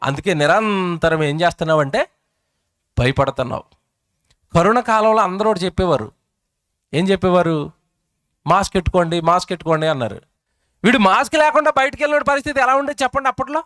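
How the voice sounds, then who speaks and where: A man's voice: high voice, fairly bright tone, no room sound, clean studio sound. A middle-aged man preaching a sermon, questioning his congregation and acting out what people say. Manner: asks the congregation rhetorical questions; acts out quoted speech in varied voices.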